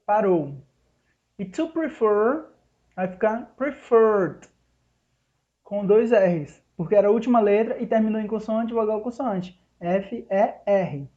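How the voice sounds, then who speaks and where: Brazilian teacher, unhurried and mellow, explains rules step by step; dull lo-fi recording. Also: male voice, high voice, animated. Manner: explains step by step, slows down on English examples. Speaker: English teacher. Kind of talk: recorded online lesson.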